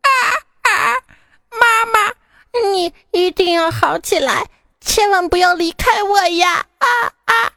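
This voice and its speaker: A woman's voice: very high voice, slow pace, bright, forceful tone, no echo, clean studio sound, voice pushed up, full character voice. Woman doing a wailing baby crow. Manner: wailing, sobbing.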